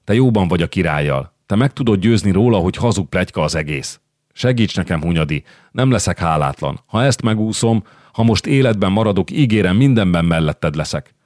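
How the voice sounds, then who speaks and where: A frightened young nobleman pleads for help in an anxious, confiding tone, as a male audiobook reader voices him. The voice sits very low and sounds dry and close. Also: dry recording, lightly acted. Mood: pleading. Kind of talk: audiobook character reading.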